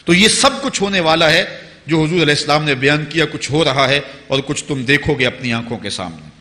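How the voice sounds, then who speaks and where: Male preacher, impassioned sermon, forceful voice, long hall reverb. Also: a little high, lively intonation. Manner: impassioned, rising to emphatic peaks, chanting Arabic quotations slowly. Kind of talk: Urdu religious sermon.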